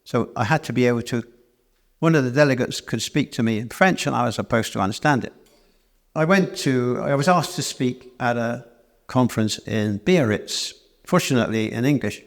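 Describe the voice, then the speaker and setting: A man's voice: medium pitch, normal speed. A man telling a rambling, self-deprecating travel anecdote live on stage in a church venue, with frequent restarts. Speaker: cabaret storyteller and singer. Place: church hall, live performance.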